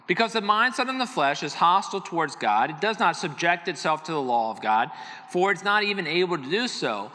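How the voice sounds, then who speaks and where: A man's voice: a little high, very animated, a little fast, sharp tone. A middle-aged man, a pastor, preaching a sermon in an earnest, conversational way with many repetitions. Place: church hall. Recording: long reverb of a large hall.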